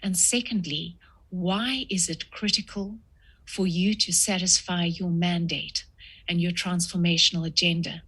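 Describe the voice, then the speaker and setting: A woman in her sixties from South Africa talks through a podcast interview at a measured pace, often pausing with "uh". Her voice is husky and sits a little low. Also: steady tone, a bit bright. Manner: measured, frequent "uh" pauses. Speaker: guest author.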